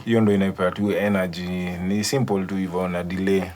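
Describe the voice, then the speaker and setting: A man's voice: low-pitched, little pitch movement, a little fast, background noise. A man with a Kenyan accent giving a casual studio walkthrough as a music producer, switching between languages. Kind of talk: casual studio walkthrough mixing English and Swahili.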